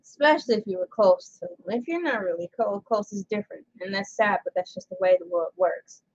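A woman's voice: medium pitch, a little fast, dull audio. A woman vlogging in a casual, rambling way, chatting and reading an article aloud indoors. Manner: rambling and chatty, laughs often. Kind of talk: casual chat. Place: indoors under bright lights.

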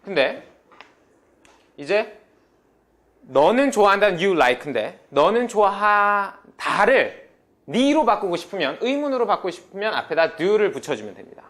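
A man's voice: high-pitched, sing-song, a little slow, a bit bright. A man teaching a beginner English class, prompting students and drilling phrases. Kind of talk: lively classroom lecture.

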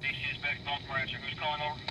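A man's voice: medium pitch, monotone, racing. A man working as a railroad dispatcher over a two-way radio, talking politely and hesitantly, with many fillers and restarts. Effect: heard over a two-way radio. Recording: distant scanner radio with loud static.

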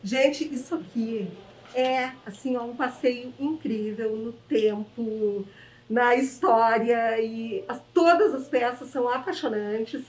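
A bubbly woman TV host with a Gaúcho accent and a bright, high voice, gushing and chatty, constantly checking in with "né?". She sounds a bit away from the mic, in an echoey shop. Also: slow, far from the mic. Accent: Gaúcho Brazilian Portuguese. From southern Brazil. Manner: effusive, chatty, keeps asking "né?". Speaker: TV show host. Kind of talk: enthusiastic on-location interview. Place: inside a small shop.

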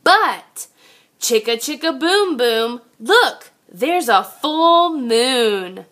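Reading a children's picture book aloud, a woman goes very slowly and deliberately. Her high, lively voice rises and falls in an expressive sing-song, the way a teacher talks to small children.

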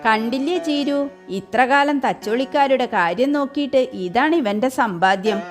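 A woman's voice: high voice, moderate pace, music in the background, voice pushed up, close to an everyday voice. Woman reading as a kindly, firm old matriarch. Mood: reassuring. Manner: commanding, reassuring. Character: older matriarch of a noble household, firm but kindly.

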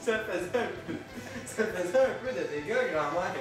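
A man's voice: sits high, animated, moderate pace. A young man with a Quebec French accent playing an eager grandson hosting an infomercial. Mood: upbeat selling. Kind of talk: parody infomercial presenting. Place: home kitchen, far camera. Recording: echoey kitchen, distant camera mic, music.

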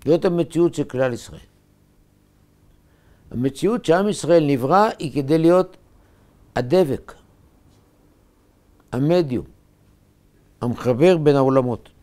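A man, a rabbi, preaching a sermon in short, emphatic, measured phrases. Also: on the high side, mellow.

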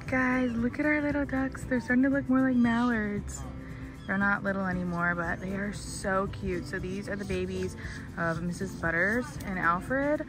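A woman's voice: medium pitch, fairly even intonation, normal speed, music in the background, low-quality recording. A young woman, heavily pregnant, chatting casually to her viewers while filming herself with a phone in a farm barn. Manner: chatty, talks to viewers and animals. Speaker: vlogger. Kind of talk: casual vlog narration. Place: farm barn and pasture, outdoors and in open barn. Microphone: phone held at arm's length.

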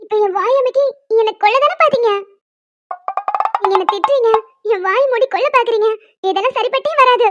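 A woman voicing a young woman in an animated cartoon, a fretful bride-to-be who sulks and picks mock quarrels with her fiancé. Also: very high-pitched, fairly quick, pauses often, highs cut off, heavy background noise. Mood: sulky.

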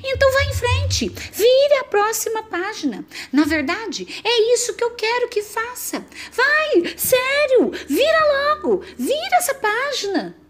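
A woman's voice: big pitch swings, unhurried, few pauses, fairly bright tone, full character voice. Woman doing a frantic, begging storybook voice. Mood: shrill. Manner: frantic, melodramatic pleading with wild pitch leaps. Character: desperate pleading storybook voice, male, begging reader.

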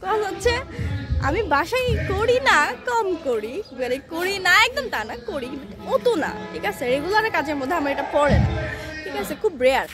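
High-voiced young woman vlogging outdoors. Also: very animated, moderate pace, over music. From Bangladesh (Bogura). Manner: rambling, many fillers and restarts, mixes in English words. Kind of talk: casual chatty vlog. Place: rooftop outdoors. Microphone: phone held in hand.

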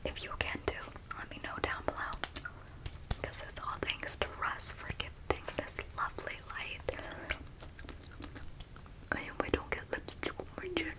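A woman in her twenties hosting ASMR personal attention as whispered role-play, whispering close to the microphone with soft, tingly mouth sounds. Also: measured pace, long pauses, poor audio. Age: 20s. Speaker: ASMR host. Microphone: close microphone, intimate framing.

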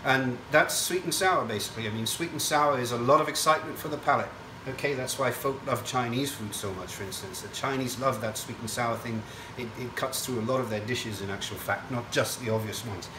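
Recorded at a distance in an echoey indoor kitchen, a man with a mid-pitched voice gives a casual cooking demonstration to camera at the stove. He's fairly quick with few pauses, chatty, explanatory, and digressive. Frying sizzle, stirring, and other background noise fill the clip.

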